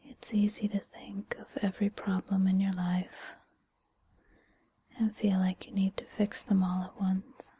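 A woman playing a gentle, patient fairy godmother in a whispered role-play, with a breathy whisper and a soothing, encouraging manner. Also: mid-range voice, flat delivery, no room sound, highs cut off. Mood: gentle, reassuring. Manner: soothing, encouraging, unhurried second-person address.

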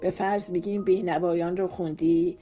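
A woman's voice: lowish voice, steady tone, warm tone, faint music behind, natural voice. A woman reading as a teasing young husband. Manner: teasing joke-telling, then tender. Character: young man, playful and affectionate husband.

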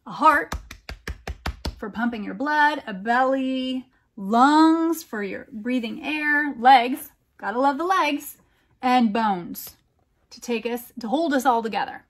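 Reading a storybook to small children, a middle-aged American teacher uses a fairly high voice and goes very slowly, stressing key words. Her picture-book read-aloud is animated, emphatic, and deliberately phrased, with conversational asides slipped in.

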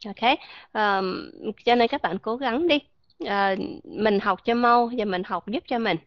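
A woman teaching English pronunciation in a live online class, encouraging and slowly repeating words as drills. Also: fairly high pitch, no room sound, dull audio. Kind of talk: live online voice-chat lesson.

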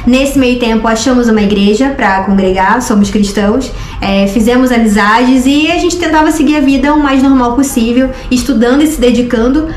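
Speaking a little fast and barely pausing, this twentysomething vlogger from Rio de Janeiro, Brazil, chats through a story to camera for the couple's travel channel she co-hosts. Her Rio Brazilian Portuguese voice is slightly high with a darkish tone, set against roomy echo and background music.

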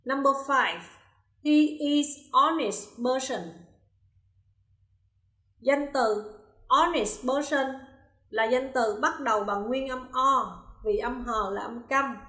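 A woman English teacher giving a recorded lesson. She reads example sentences slowly and carefully, then explains each answer step by step. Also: high voice, sharp tone. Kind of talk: recorded classroom lesson, explaining grammar exercises. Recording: roomy, echoey room.

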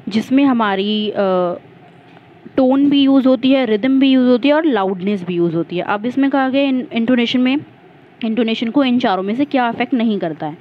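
A woman's voice: fairly high pitch, moderate pace, highs cut off. A woman teacher walking through exam questions, explaining each term step by step and stopping to correct her own slips. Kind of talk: exam-prep lesson.

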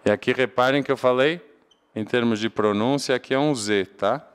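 A man's voice: mid-range voice, normal speed, clear, resonant tone. A man from Portugal with a European Portuguese accent, teaching an English grammar class and asking his own questions before answering them. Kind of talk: classroom lecture.

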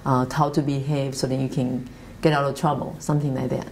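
A Taiwanese woman in her fifties, with a Taiwanese accent, speaking earnest, halting English with restarts as she tells her life story, seated in an office meeting room. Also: very deep voice, flat delivery, gravelly, darkish tone, a little hiss or hum, rough recording. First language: Mandarin Chinese. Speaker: interviewee. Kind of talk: reflective life-story interview.

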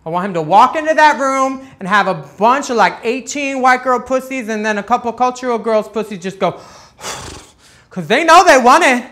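A man talking as a sassy, campy drag queen host, giving catty comic commentary on video clips in a bright, high-placed voice. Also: lively intonation, normal speed. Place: photo studio with grey backdrop.

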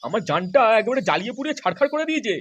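A man's voice: very high voice, big pitch swings, very fast, fairly bright tone, slightly rough, muffled recording, full character voice. A man voicing a grumpy, foul-mouthed aging father in a comic cartoon, complaining and cursing. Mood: grumbling. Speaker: cartoon character.

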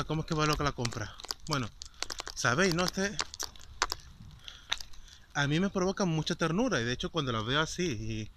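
A man's voice: a little high, noisy background. A man with a Spanish accent from Spain, telling a story in a rambling, indignant vlog. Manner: rambling and indignant, with many fillers. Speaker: vlogger. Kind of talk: casual storytelling.

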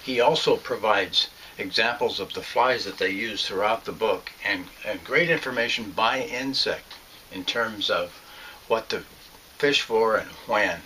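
A man's voice: lowish voice, a little slow, bright, forceful tone, slight background noise. Older man giving a plain, earnest lesson. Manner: plain, earnest, with some fillers and restarts. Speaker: fly fishing instructor. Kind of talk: instructional narration. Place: small home room with shelves.

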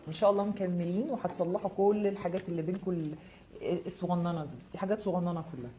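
A woman with an Egyptian Arabic accent giving a live tarot reading, answering viewers' comments with quick, reassuring, direct advice. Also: lowish voice, fairly even intonation, dark tone, slight background noise. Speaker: tarot reader.

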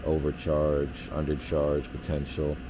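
Deep-voiced man explaining HVAC readings. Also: a little slow, noisy background. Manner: relaxed, explanatory, many fillers. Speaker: HVAC technician. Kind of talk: hands-on technical demonstration. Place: indoor basement furnace area.

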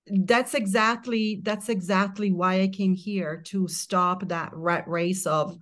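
A middle-aged woman from Italy, a guest in an interview, talking calmly and reflectively in long flowing phrases over a remote connection. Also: medium pitch, takes it slowly. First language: Italian. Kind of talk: casual interview chat. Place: remote mountain home, remote interview.

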